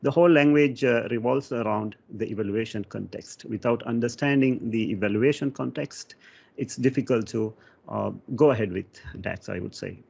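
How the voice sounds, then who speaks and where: A man from Sri Lanka giving a technical conference talk, pausing often with fillers. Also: mid-range voice, gravelly, a little mellow, slightly rough. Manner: hesitant, many fillers. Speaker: conference speaker. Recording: dull lo-fi sound.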